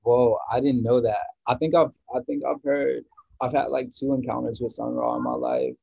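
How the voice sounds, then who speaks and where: A man's voice: mid-range voice, lively intonation, normal speed, vocal fry, breathy edge, dry recording, dull audio. A man from the US East Coast, a guest musician in a casual podcast chat, rambling and searching for words with many restarts.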